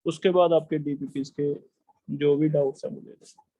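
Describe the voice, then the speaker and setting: Man lecturing a chemistry class, high voice, dry close sound, explains step by step. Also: fairly even intonation, moderate pace, dark tone, no echo. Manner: explains step by step, asks students questions. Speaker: chemistry teacher.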